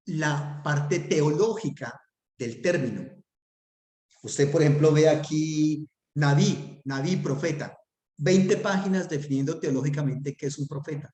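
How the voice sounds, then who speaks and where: A man's voice: a little high, mellow, echoey room. A man teaching a Hebrew class online, talking conversationally and asking his students rhetorical questions.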